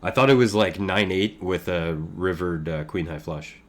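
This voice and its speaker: A man's voice: low voice, moderate pace. A man commenting on his own online poker game in casual, thinking-aloud talk, with many fillers and chuckles.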